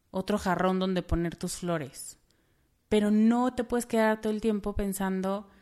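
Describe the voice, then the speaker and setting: A woman's voice: medium pitch, darkish tone. Earnest Mexican woman podcaster. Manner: earnest and direct, speaking straight to the listener. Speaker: podcast host. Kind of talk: solo podcast monologue.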